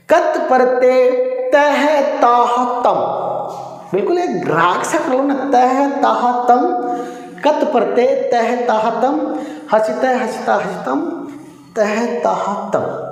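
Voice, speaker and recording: A man teaching an exam-prep grammar lesson in an emphatic, sing-song drilling way, repeating each form over and over. His fairly high voice rings through a very echoey room with a long, lingering reverb. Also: darkish tone. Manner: emphatic, drills by rhythmic chanting and repetition; boastful challenges to other teachers.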